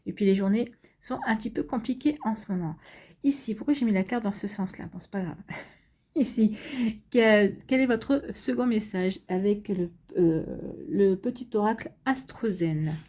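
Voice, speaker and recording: A woman giving a casual tarot reading to her viewers. She sounds tired, speaks gently and reassuringly, and often hesitates and restarts her sentences. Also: mid-range voice, unhurried. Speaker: tarot reader.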